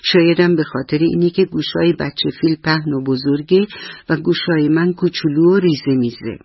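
A woman storyteller voicing a lonely little boy squirrel in a radio story, in a husky, plaintive way. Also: sits low, no echo, muffled recording. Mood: sad, puzzled.

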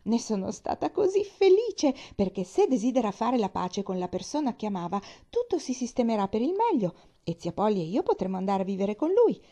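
A bubbly little girl, bursting with excitement and tumbling from one eager sentence to the next, as a woman reader puts her on. Her tone is soft and mellow rather than bright, lifted into a higher, sunnier register for the storybook. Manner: bubbly, eager, breathless rushes of words. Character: cheerful excitable young girl, chatty.

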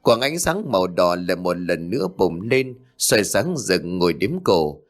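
A man narrating a ghost story in a dramatic, expressive way. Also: low voice, measured pace, faint music behind.

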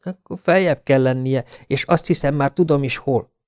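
A man's voice: medium pitch, darkish tone, no room sound, voice pushed up, close to an everyday voice. A man voicing a desperate grown man in an audiobook, speaking urgently and lifting his voice in distress. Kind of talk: audiobook character reading.

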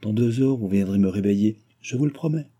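A man voicing a frail, feverish old alchemist who pleads and cries out in high, agitated bursts. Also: a little fast, dark tone, dull audio, natural voice. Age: older.

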